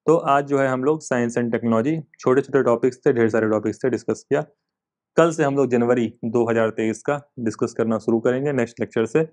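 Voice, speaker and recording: A man's voice: mid-range voice, brisk, a little mellow. A man teaching an exam coaching class in a casual, conversational way, often repeating himself and using fillers. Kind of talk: casual Hindi lecture with English terms.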